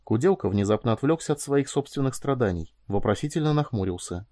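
A man narrating an audiobook in a calm, measured reading voice. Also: mid-range voice, no echo, clean studio sound. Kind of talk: scripted narration.

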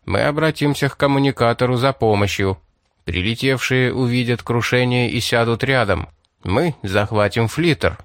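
A cold, scheming outlaw leader, read by a man narrating a story lays out his terms in a curt, businesslike way. His voice stays at an ordinary middle pitch. The recording is dry and close. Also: normal speed, fairly bright tone, no room sound, lightly acted.

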